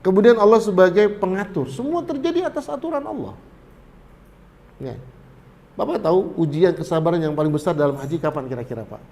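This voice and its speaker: Man preaching, slightly high voice. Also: lively intonation, a little fast, darkish tone. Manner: casual storytelling, rising to emphatic exhortation. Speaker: ustadz teaching hajj preparation. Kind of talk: religious study talk.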